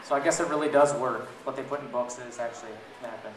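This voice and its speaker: A man reads animatedly to a gathering of families, speaking fast in a steady, medium-pitched voice. The children's book reader and blogger is theatrical and playful, quizzing his audience as he goes. He sounds distant and echoey, recorded in a large, noisy indoor room at a school event.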